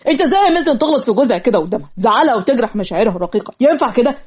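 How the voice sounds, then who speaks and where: Brief: a woman as an earnest cartoon cousin, quick and touchy, muffled lo-fi sound. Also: a little high, lively intonation, a little mellow, slightly rough. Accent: Egyptian. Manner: earnest, easily offended. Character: young man, loyal cousin, touchy. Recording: lo-fi muffled audio.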